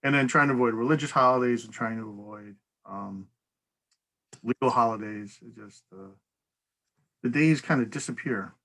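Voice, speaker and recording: Bright-voiced man chairing a public hearing. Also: mid-range voice, normal speed, low-quality recording. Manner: easygoing and procedural, with light laughs. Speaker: council meeting chair. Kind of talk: chairing a public hearing over video call. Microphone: video call.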